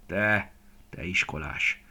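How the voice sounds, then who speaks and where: A man doing a gruff, kindly old grandfather. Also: low voice, sharp tone, exaggerated voice. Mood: fond. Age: older.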